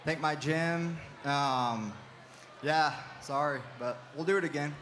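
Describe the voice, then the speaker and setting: A man's voice: fairly high pitch, slow, fairly bright tone, a little hiss or hum. A man, a fighter, giving a plain impromptu thank-you to an audience.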